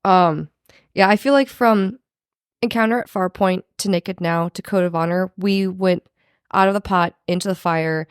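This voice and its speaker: Podcast co-host, woman, low and creaky with strong vocal fry, casual chat, dry sound. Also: normal speed, no echo. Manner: informal, swearing, frequent "like". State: husky from recent covid.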